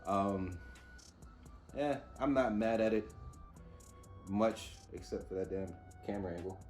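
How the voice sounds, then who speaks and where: A man's voice: on the low side, measured pace, a little mellow, soft background music. A man giving a casual, off-the-cuff TV review, informal and opinionated as he mulls things over aloud. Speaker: host reviewing TV episodes.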